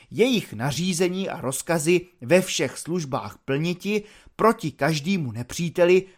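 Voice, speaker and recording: A man voicing an earnest, courteous simple soldier who explains himself at length in a calm, formal manner, in an audiobook reading. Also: on the high side.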